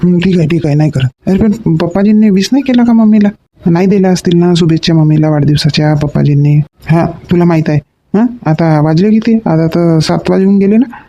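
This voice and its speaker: An actor playing a grown son at home in a comedy sketch, pleading and repeating words. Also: male voice, sits high, fairly quick, dark tone. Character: grown sons at home, eager and scheming. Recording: dull lo-fi recording with faint noise.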